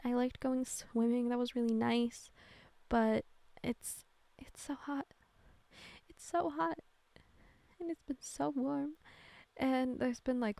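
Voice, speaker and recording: A young woman whose first language is Norwegian narrates a speedbuild as a game builder in casual voice-over chat, rambling, chatty, and correcting herself with many fillers. Her fairly high voice has a dark tone and gravelly vocal fry. She's recorded close up on a dry microphone, with no room sound or echo.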